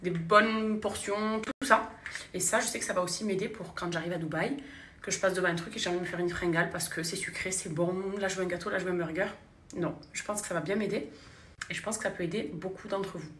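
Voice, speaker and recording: Woman, young adult, casual vlog, chatty, enthusiastic, slightly low pitch, faint background noise. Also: fast, a bit bright, echoey room. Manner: chatty, enthusiastic, repeats phrases. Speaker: vlogger. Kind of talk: casual vlog, product promotion and giveaway.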